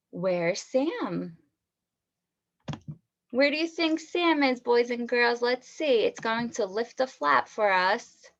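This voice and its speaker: A woman's voice: sits high, fairly bright tone, muffled recording. A woman teacher giving an online read-aloud lesson to young children, asking them questions and praising their answers.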